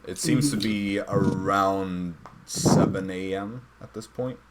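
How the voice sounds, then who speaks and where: A man's voice: low voice, slow, very noisy. A young man narrating as dungeon master, with a hesitant manner full of fillers. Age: young adult. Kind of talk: narrating a tabletop game.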